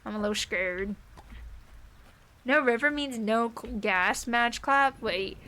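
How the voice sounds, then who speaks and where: Chatty young woman, slightly high voice. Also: slow pace, bright, forceful tone. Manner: chatty and rambling, many "like" fillers, light laughs. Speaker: streamer. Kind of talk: casual chat with a live stream audience.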